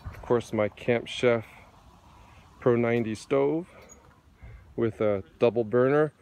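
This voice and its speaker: Holding his phone as he walks, a middle-aged camper gives a relaxed tour of his campsite, showing off equipment and fixing small slips as he goes. His mid-range voice is gravelly and a little mellow, and the recording is clean.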